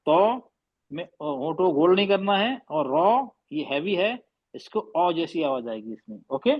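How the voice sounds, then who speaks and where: A man teaching Quran recitation in an online class, patiently correcting students and slowly demonstrating sounds. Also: high voice, animated, lo-fi sound. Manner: patient, slow demonstrating drills.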